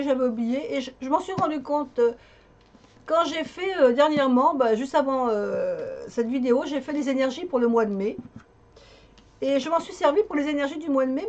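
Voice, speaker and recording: A woman's voice: fairly high pitch, darkish tone, muffled recording. A woman vlogger chatting casually to her viewers, with lots of hesitant fillers and restarts. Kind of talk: casual chat.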